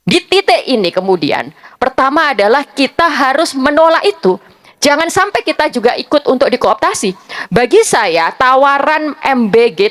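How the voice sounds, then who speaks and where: A young woman speaking as a panelist at a public forum, making her case in a measured, argumentative way and building her points one by one. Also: high voice. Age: young adult. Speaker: panelist, civic activist.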